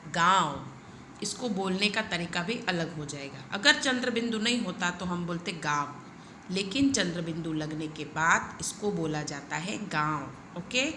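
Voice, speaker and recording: A woman teaching young children, slow and patient, spelling out letters and often asking the class to repeat. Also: lowish voice, bright, forceful tone, slight background noise. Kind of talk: children's Hindi lesson.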